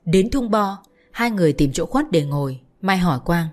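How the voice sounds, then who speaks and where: A woman narrating a romance story in a steady, melancholy storytelling manner. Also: lowish voice, normal speed, faint music behind. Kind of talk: audiobook narration.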